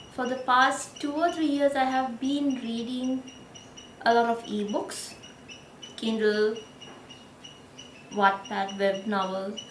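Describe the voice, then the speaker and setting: A vlogger in her thirties, a native Sinhala speaker with a Sri Lankan accent, chats to the camera in a gentle, unhurried way. Her voice is on the high side. The rough recording is reverberant, with a little hiss or hum.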